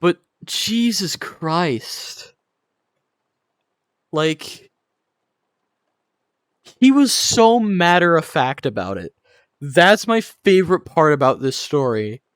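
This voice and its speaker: A man's voice: fairly high pitch, lively intonation, slow pace, long pauses, smooth, no echo, studio quality. A young man streaming, telling a crude story to his chat with lots of laughter and swearing.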